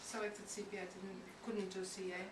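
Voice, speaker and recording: A woman's voice: mid-range voice, flat delivery, fairly quick, noisy background. A middle-aged woman from Croatia with a Croatian accent, chatting casually with a group about her business and family, often laughing. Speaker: business owner. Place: business premises with a gathered group. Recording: roomy, far from mic, crowd chatter.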